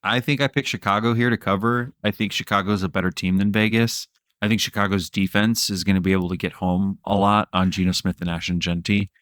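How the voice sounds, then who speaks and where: A podcast co-host with a fairly low, slightly bright voice chats casually about football, rambling along a bit fast in a steady tone. He laughs mid-sentence and swears now and then. The recording is dry and close, with no room around it.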